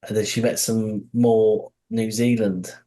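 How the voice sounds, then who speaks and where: A man's voice: on the low side, flat delivery, unhurried, over a noisy crowd. A man co-hosting a podcast in casual, rambling chat, laughing often and swearing freely. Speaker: podcast co-host.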